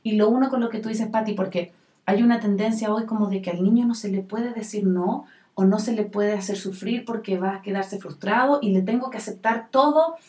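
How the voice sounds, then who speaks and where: A woman hosting a casual chat and calmly recounting a workshop story. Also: mid-range voice, brisk. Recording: roomy echo, distant mic.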